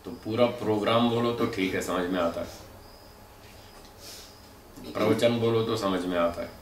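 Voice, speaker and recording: A man's voice: lowish voice, steady tone. Man lecturing in an echoey room. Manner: measured and explanatory, demonstrating pronunciations aloud. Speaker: lecturer on speech and pronunciation. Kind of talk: spoken lecture. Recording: echoey room from a distant mic, faint noise.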